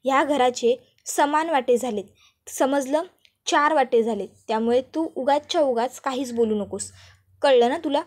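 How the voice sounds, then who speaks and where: A woman voicing a calm, firm young wife who sets the record straight. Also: high-pitched, normal speed.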